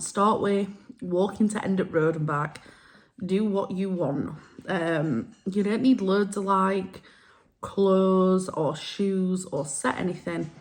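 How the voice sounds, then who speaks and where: A woman, chatting frankly and self-deprecatingly in a casual vlog recorded on a phone held at arm's length. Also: fairly low pitch. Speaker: vlogger.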